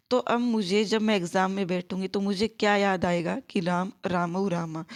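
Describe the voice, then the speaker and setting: A woman teaching a grammar lesson for exam preparation, repeating words and drilling her students in call-and-response, with English words mixed into her talk. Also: mid-range voice. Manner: mixes English words into Hindi. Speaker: Sanskrit teacher.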